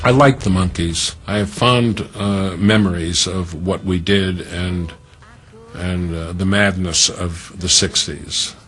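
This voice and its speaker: A man's voice: deep voice, steady tone, slow, a bit bright, soft background music. A man in an interview, speaking in a considered way with some fillers.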